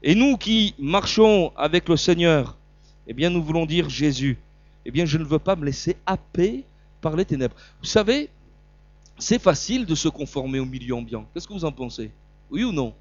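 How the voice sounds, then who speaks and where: A middle-aged man with a southern French accent preaching a sermon, stumbling and repeating words, swinging between loud emphasis and quiet asides. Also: on the high side, expressive, normal speed, no echo, muffled recording.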